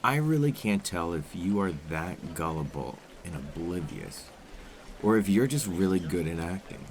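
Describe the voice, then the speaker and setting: A suave, menacing male criminal played by a man in an ASMR role-play. His voice sits low and moves in animated swings. He is smooth and condescending, impatient and used to giving orders. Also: moderate pace, a little hiss or hum. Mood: coaxing, probing. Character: suave, menacing male criminal coaxing a captive dinner date.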